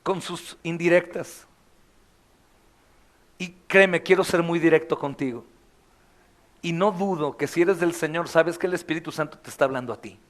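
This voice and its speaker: A male pastor with a Mexican Spanish accent preaching a sermon, swinging from hushed to loud and acting out quoted voices and prayers. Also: on the high side.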